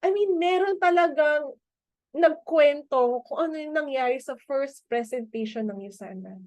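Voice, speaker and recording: A woman's voice: high-pitched, unhurried, a little mellow, dry recording. A woman with a Filipino accent leads a motivational talk to her team over a video call, chatty and mixing Tagalog with English, often asking "di ba?". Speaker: team leader in a business meeting.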